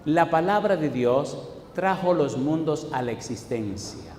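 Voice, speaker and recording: A male pastor preaching a sermon in a church, firing rhetorical questions at the congregation and swinging between loud declaiming and quiet asides. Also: mid-range voice, slight background noise. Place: church sanctuary. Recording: echoey church hall with long reverb.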